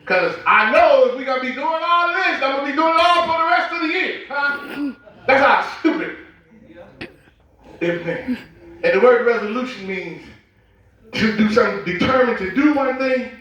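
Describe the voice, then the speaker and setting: A man with a Southern US accent preaching a sermon with call-and-response, slowing down and shouting for emphasis. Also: very high-pitched. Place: large echoey church sanctuary. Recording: echoey church hall from far off.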